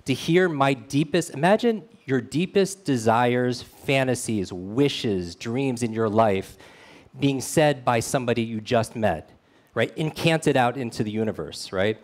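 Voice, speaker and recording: A man delivers a motivational talk built around a personal story. His voice sits at an ordinary middle pitch. He speaks earnestly and keeps turning to the audience with quick questions. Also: expressive. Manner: earnest, speaks straight to the audience with frequent "right?". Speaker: speaker at a meetup.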